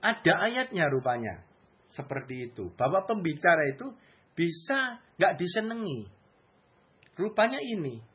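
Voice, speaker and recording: A man's voice: a little high, very animated, measured pace, pauses often, breathy edge, dull audio. A man preaching a sermon in a conversational, colloquial way, often asking rhetorical questions.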